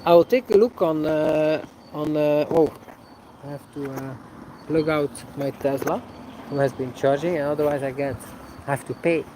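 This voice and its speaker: Casual livestream host, a touch high-pitched, thinks aloud hesitantly, faint street noise behind. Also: male voice, normal speed, warm tone, low-quality recording. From Belgium. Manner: hesitant, many fillers, ends sentences with a tag "eh?". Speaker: livestream host answering viewer questions. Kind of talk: casual live Q&A.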